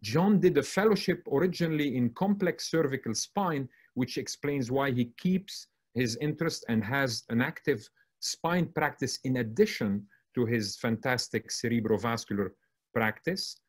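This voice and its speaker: A man from Lebanon hosts an online medical conference, introducing each guest with admiring remarks. His delivery is steady and mid-pitched, often broken by fillers and self-corrections. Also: moderate pace. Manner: warm, admiring, with frequent fillers and restarts. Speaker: moderator introducing panelists and speakers.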